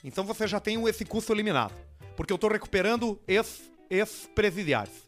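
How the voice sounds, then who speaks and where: A man's voice: high-pitched, animated, a little fast, soft background music. A man voicing a smug, pompous self-styled entrepreneur in an improvised comedy bit. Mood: smug lecturing.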